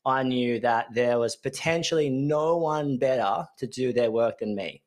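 A man's voice: mid-range voice, measured pace. Man, podcast host, casual solo talk, rambling, jokey. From Australia. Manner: rambling, jokey storytelling with animated put-on voices. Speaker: podcast host, electrical business owner.

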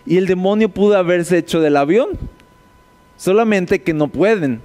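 A man gives a conversational sermon, breaking down scripture and tossing his listeners quick tag questions. His voice sits fairly high and sounds smooth and resonant. A long reverb from a large hall trails after his words. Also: a little mellow. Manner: explanatory, rhetorical tag questions. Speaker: preacher. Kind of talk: conversational sermon, Bible teaching.

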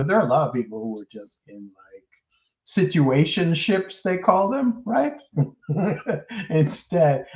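A man hosting a podcast in casual chat, rambling and jokey, often laughing between phrases. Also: medium pitch. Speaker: podcast host. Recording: roomy, slightly dull sound.

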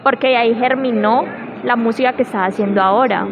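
A woman's voice: on the high side, a little fast, lo-fi sound, music in the background. A woman interviewing an artist, asking long, wordy questions. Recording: street noise with passing vehicles.

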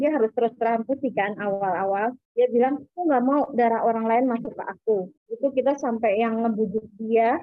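A woman's voice: a little high, dry recording. A woman, giving an emotional personal testimony and retelling events through quoted dialogue. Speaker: interviewee, mother. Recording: dry, slightly muffled recording.

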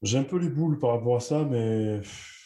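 A man's voice: medium pitch, normal speed, warm tone. A young man, a rugby player, talking candidly in a casual chat with many restarts.

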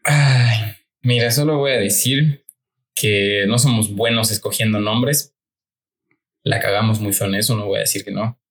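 A lower-pitched Mexican man with a Mérida lilt, chatting loosely as a podcast co-host. He teases and jokes in an easygoing way. His voice sits a little deep for a man. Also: fairly even intonation, measured pace, fairly bright tone. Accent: Mérida, Yucatán Mexican Spanish. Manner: joking, teasing, laid-back. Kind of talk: casual chat.

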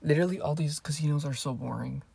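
A teenage girl rambles through a story in a casual vlog, swearing freely and drifting into asides. Her voice sits low and has a husky grain. The sound is dry and close. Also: fast, dark tone, dry recording. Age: teens. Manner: rambling and profane, with fillers and asides. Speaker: vlogger.

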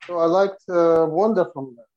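Halting speaker, slightly muffled sound. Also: medium pitch, no echo. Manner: halting, searching for words. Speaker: discussion panelist. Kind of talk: casual chat. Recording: slightly dull, muffled online call.

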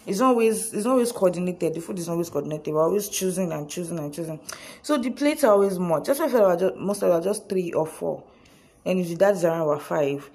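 A young Nigerian-accented woman talks casually to her viewers, her fairly low voice full of gravelly fry and a husky, breathy grain. She chats in a giggly, loose way and drops local slang as she goes. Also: a little mellow. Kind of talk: casual storytelling vlog.

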